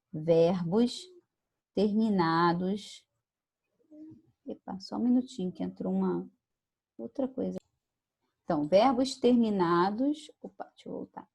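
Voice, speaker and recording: A woman's voice: mid-range voice, darkish tone, husky. A woman English teacher from Brazil giving an online lesson, patiently repeating words and checking in with her students. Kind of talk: online lesson explaining pronunciation.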